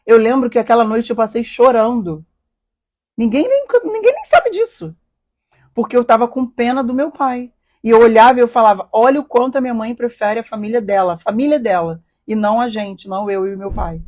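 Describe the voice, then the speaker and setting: A woman's voice: on the high side, steady tone, fast, few pauses, darkish tone, highs cut off. A woman hosting a live stream, telling a personal story in an earnest, emotional way and often asking rhetorical questions. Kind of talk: confessional personal talk.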